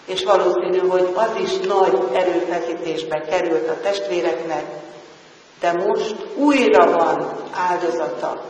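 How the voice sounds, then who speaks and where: A man gives a sermon in a measured, earnest way, his voice sitting fairly high. He sounds far from the mic in a big church with a long echo. A faint hiss runs under it. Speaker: pastor. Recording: distant mic, echoing church hall, hiss.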